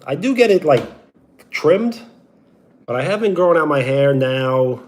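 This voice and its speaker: A young man from New York with a Brooklyn accent chats casually with his viewers on a live stream. He greets them with a loud, drawn-out "yo" and talks like a sports radio personality. His voice is a little high and animated.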